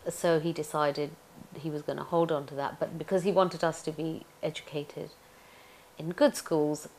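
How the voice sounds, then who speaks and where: A woman's voice: sits low, steady tone, moderate pace, darkish tone, slight background noise. A middle-aged woman from Tanzania, an actress, reminiscing in an oral history interview, chatty and reflective with frequent laughs.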